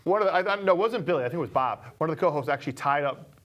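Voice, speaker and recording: Brief: man with a slightly high voice, joking talk show co-host. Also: lively intonation, racing, highs cut off. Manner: joking and teasing, laughs often, talks to viewers. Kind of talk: casual chat.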